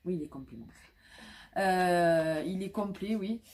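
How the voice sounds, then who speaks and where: A woman's voice: on the low side, unhurried, darkish tone. A woman vlogging casually about flea market finds, talking with many fillers and restarts.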